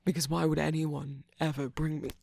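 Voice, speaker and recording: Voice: medium pitch, little pitch movement, fairly quick, creaky. Someone voicing Shadow Milk Cookie, sly whispering trickster. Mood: teasing. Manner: teasing, sarcastic, soft whispering with sudden laughs. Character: sly mocking male cookie trickster, manipulative. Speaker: ASMR roleplay performer. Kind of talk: ASMR roleplay.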